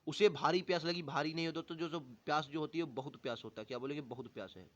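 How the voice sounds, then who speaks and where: A man's voice: a little high, fairly even intonation, fast, dull audio. A young man running an exam coaching lesson, reading each option aloud and then correcting it with frequent checks. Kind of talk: explaining Hindi grammar questions.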